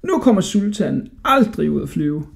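A man's voice: sits high, very animated, creaky, pitched above the performer's own voice, exaggerated voice. A man voicing a cheeky, clever young boy in a storybook reading. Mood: eager. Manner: cheeky, teasing.

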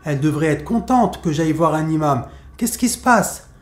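A man's voice: a little high, lively intonation, normal speed, echoey room, close to an everyday voice. A man as a stubborn troubled husband. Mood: puzzled. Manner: puzzled, then stubborn and decisive.

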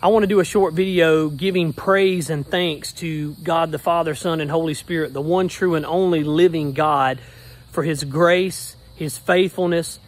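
A man, a pastor giving an earnest, upbeat update in a casual selfie video, recorded outdoors in a backyard on a phone held at arm's length. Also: fairly high pitch. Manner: earnest, upbeat, rhythmic preacher's phrasing.

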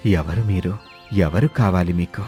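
A man voicing a sorrowful older male herbal healer in a cartoon story, with a low, slow, heavy delivery. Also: mellow, soft background music. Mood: gloomy.

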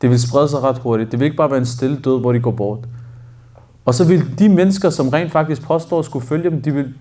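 A sheikh delivers a sermon as vivid storytelling, slipping into the voices of the people in his account. His voice sits a little higher than most men's. The delivery is lively and narrative. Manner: animated storytelling, acts out quoted speech. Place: mosque.

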